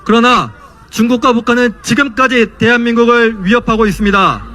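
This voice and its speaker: A man's voice: extremely high pitch, brisk, pushed and bright, a faint crowd, a little hiss or hum. A young man delivering an impassioned political rally speech as a student speaker, in a declamatory style. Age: young adult. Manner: impassioned, declamatory rhetorical questions.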